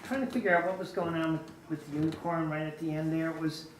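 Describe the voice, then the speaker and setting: A man's voice: on the high side, steady tone, fast talker, distant mic. A man in the audience hesitantly asking a question after a play, in an echoey room with noise. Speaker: audience member.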